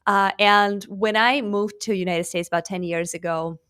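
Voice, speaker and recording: A woman's voice: mid-range voice, steady tone, moderate pace, fairly bright tone, smooth. A woman from Russia in her thirties, speaking as an interview guest. She talks in a chatty, fluent way, with plenty of fillers as she goes. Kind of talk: online interview.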